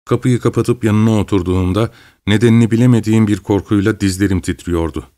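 A man reading a novel aloud in measured first-person narration. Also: fairly low pitch, steady tone, warm tone. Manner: measured, literary storytelling. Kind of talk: scripted audiobook narration.

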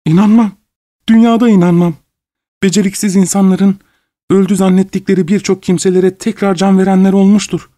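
A man voicing a desperate grieving woman of about fifty, pleading in a frantic high-pitched voice. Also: little pitch movement, a little fast, dark tone, no echo, clean studio sound, close to an everyday voice.

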